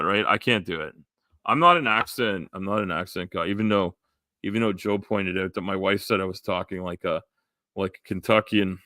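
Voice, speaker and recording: A man hosting a casual livestream chat, rambling with lots of fillers and going hoarse. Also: on the low side, pushed and bright, dry recording, studio quality. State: losing his voice. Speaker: live stream host.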